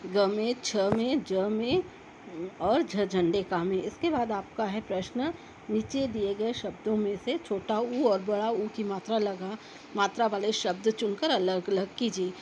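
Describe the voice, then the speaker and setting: A woman teaching a young children's class, slowly spelling out words sound by sound as she reads from a textbook. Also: medium pitch, background noise. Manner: slow, careful spelling out of sounds for young pupils. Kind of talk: reading a children's textbook lesson aloud.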